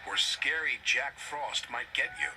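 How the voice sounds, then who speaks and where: A man's voice: medium pitch, moderate pace, bright, forceful tone, recorded from a distance, a little hiss or hum. A man voicing a cheeky, teasing young male engine in a toy-train storybook. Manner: teasing, playful.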